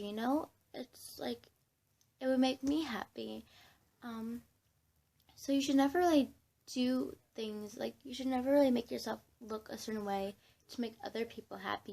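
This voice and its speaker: Talking to camera in a loose, rambling chat, a young female vlogger giggles, jumps around, and keeps interrupting herself. She sounds on the high side, with a creaky, slightly mellow quality.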